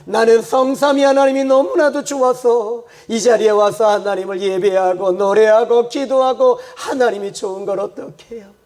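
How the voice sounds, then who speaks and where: A male pastor preaching a sermon and praying, swinging from loud fervent repetition to quiet, low reflection. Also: fairly even intonation, moderate pace, hardly any pauses. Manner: repeats phrases for emphasis. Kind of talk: sermon with prayer.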